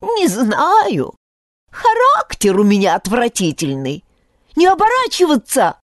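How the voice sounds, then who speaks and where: A woman's voice: on the high side, huge pitch swings, a little slow, dry recording, studio quality, pitched above the performer's own voice. A woman doing a nasal, bossy unseen creature. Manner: nasal, bossy, barking orders. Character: unseen bossy shirt-eating creature with a nasty temper.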